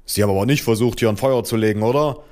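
A man's voice: fairly low pitch, rapid-fire, a little mellow, lightly acted. A man playing a suspicious male official who asks plain, matter-of-fact questions. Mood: wary. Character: wary male official from an environment agency.

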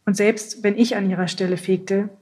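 A woman reads first-person literary prose aloud, calm and measured, like a scripted audiobook. Her mid-range pitch barely moves, making the narration steady, even and almost flat.

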